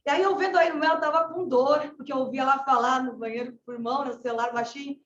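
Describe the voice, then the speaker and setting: Fervent high-voiced Gaúcha woman testifying. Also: fairly even intonation, fast, slight background noise. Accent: Gaúcho Brazilian Portuguese. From southern Brazil. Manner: fervent, exclamatory, often calling out to the Lord. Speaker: missionary colporteur. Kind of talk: emotional religious testimony. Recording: echoey, distant, dull-sounding room recording.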